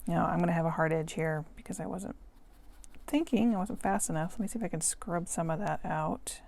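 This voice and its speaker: A middle-aged woman, hoarse and losing her voice, chatting casually as she narrates each step of a watercolor painting tutorial in real time. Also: lowish voice, brisk, a little mellow, slight background noise. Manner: chatty, self-narrating while painting, drops to near whisper at times. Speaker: watercolor art instructor.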